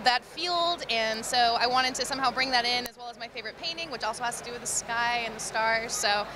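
Cheerful young woman, quick and high. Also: a crowd in the background. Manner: bright, cheerful. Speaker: graduate being interviewed. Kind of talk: casual interview. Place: busy indoor gym.

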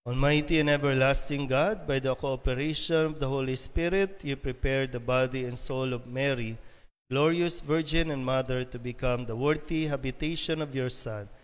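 A man, leading a Mass as priest, recites prayers in a measured, formal way under a cathedral echo. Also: mid-range voice, fairly even intonation, clean tone. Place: large church. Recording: long church reverb.

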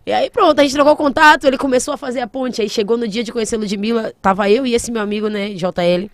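Fast-talking young woman singer. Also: on the high side, no room sound. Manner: animated, emotional, uses slang like mano and velho. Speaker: singer, interview guest. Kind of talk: casual interview storytelling.

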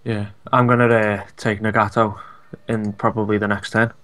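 A young man with a Scouse accent chatting casually while playing a co-op strategy game, relaxed and hesitant, with many fillers. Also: on the low side, normal speed. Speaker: co-op gameplay commentator. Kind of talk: casual gaming chat.

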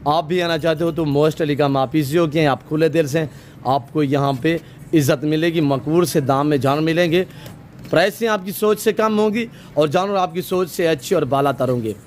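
A man's voice: a little high, normal speed, slight background noise. A man running a farm vlog outdoors, speaking effusively and packing his talk with blessings while he interviews buyers and shows off his animals. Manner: effusive, many religious blessings. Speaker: goat farm owner and vlogger. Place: outdoor goat farm pens.

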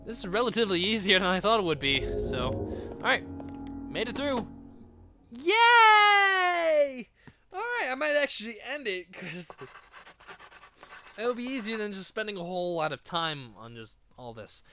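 A man's voice: fairly high pitch, sharp tone. A man hosting a let's play, talking through gameplay in casual, rambling commentary with many ums.

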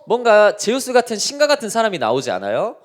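A man's voice: high-pitched, quick pace. Man preaching animatedly to children. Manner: lively, keeps asking the children questions. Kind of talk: children's sermon.

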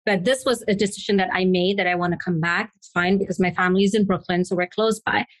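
A woman's voice: fairly low pitch, fairly even intonation, fast talker, no echo. A woman from Pakistan, an interior designer guest, earnestly telling her story in a casual podcast interview.

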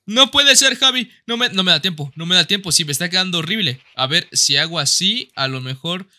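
Gamer girl, super bright voice, bouncy and whiny, playful. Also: lowish voice, animated, fast. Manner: pleading, squealing, playful. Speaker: gaming YouTuber. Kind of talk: excited casual gameplay chat.

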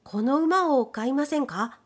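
A woman voicing a cheerful, clever young man in a read-aloud folk tale, with an eager, bright manner. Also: sits high, expressive, unhurried, pitched above the performer's own voice.

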